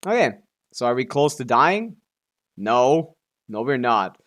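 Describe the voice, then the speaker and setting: Speaking a little slowly, this man has a mid-range, somewhat bright voice with big pitch swings. He livestreams a video game and rambles casually to viewers, grumbling and swearing plenty.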